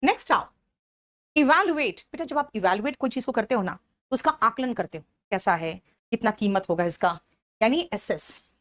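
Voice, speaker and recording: Woman exam-prep teacher, Indian English accent, slightly high pitch, patient and explanatory. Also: expressive, a bit bright. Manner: explains each word slowly, checks in with students often. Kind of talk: exam-prep vocabulary lesson.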